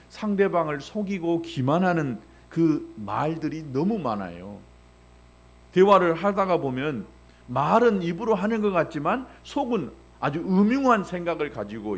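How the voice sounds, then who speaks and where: A male pastor delivering a sermon. He asks the congregation rhetorical questions and acts out little voices along the way. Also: on the high side. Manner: animated preaching with rhetorical questions, acting out voices.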